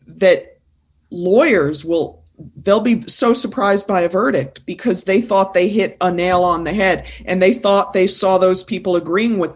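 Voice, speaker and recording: A woman who coaches presentation skills, talking as a guest in an interview and making her points firmly and insistently. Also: fairly low pitch. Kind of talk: casual interview conversation.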